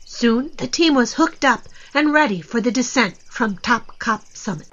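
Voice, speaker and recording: A woman's voice: on the high side, animated, moderate pace, a bit bright, a little hiss or hum. A woman storyteller narrating an adventure story for children. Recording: slightly dull, lo-fi recording.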